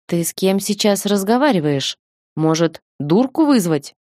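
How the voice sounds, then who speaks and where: A woman's voice: medium pitch, animated, measured pace, a little mellow, dry recording, clean studio sound, close to an everyday voice. A woman voicing an arrogant, hot-tempered male director who threatens and sneers, in an audiobook reading. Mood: hostile. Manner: rude, threatening outbursts.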